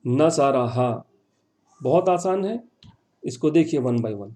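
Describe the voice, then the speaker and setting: A man's voice: a little high, lively intonation, mellow. A male teacher giving an online class, patiently repeating words and quizzing his students.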